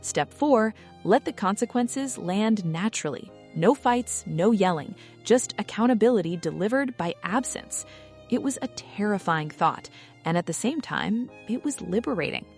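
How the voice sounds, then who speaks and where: A woman narrating a first-person story in a calm, measured, reflective way, in short clipped phrases. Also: mid-range voice. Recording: faint background music.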